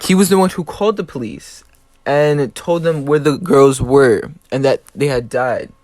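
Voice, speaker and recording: A man's voice: mid-range voice, a little slow, darkish tone, no room sound. A young man co-presenting a student podcast, going through prepared notes in a matter-of-fact, list-like way.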